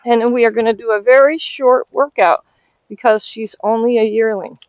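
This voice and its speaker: A woman's voice: on the high side, steady tone, normal speed, a little mellow, dry recording, highs cut off. A woman giving hands-on horse training instruction, explaining as she goes and breaking off for short commands and praise to the animal. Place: horse barn aisle, later an outdoor riding ring.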